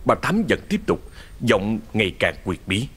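Husky storyteller man. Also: fairly low pitch, moderate pace, soft background music. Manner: expressive storyteller. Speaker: narrator. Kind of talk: ghost story narration.

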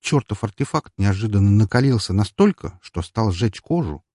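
Low husky guy reading a story, lively intonation, dry close sound. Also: normal speed, no room sound. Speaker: audiobook narrator. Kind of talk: first-person audiobook narration.

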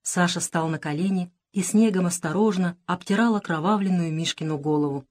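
Lady reading a kids adventure book out loud, dramatic, gets louder on the tense bits. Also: a little fast. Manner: dramatic, raising pitch and volume for shouted dialogue. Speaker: audiobook narrator. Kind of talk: audiobook narration with voiced dialogue.

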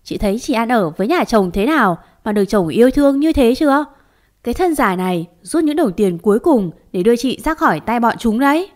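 A woman's voice: a little high, lively intonation, brisk, a little mellow, close to an everyday voice. A woman reading an audio story, voicing a bitter, scornful older mother-in-law who scolds and blames. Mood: scolding. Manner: scolding and reproachful.

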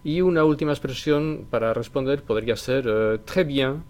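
Guy teaching a language lesson, slow and careful, keeps repeating the phrases. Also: mid-range voice, a little mellow. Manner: explains slowly, repeating example phrases; tag question "eh" after points. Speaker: French teacher.

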